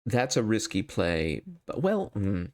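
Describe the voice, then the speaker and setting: A man's voice: lowish voice, very animated, unhurried, darkish tone. A man thinking aloud as he hosts a solo card game playthrough, casual and wryly self-deprecating.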